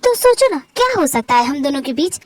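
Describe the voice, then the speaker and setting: A woman's voice: sits high, big pitch swings, a little fast. A woman voicing a flustered, stern young male doctor in an amateur fan dub. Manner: flustered protests, then stern scolding.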